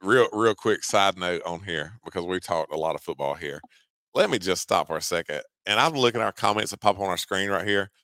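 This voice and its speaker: A man's voice: sits low, lively intonation, a little fast, fairly bright tone, dry recording. A man in his forties with a Georgia Southern accent, telling a folksy story on a sports talk show with lots of laughing. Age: 40s. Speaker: co-host.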